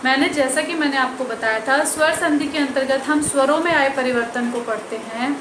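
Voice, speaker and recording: A woman's voice: sits high, noisy background. A woman teacher giving a grammar lesson to children, carefully spelling out each sound and repeating every example.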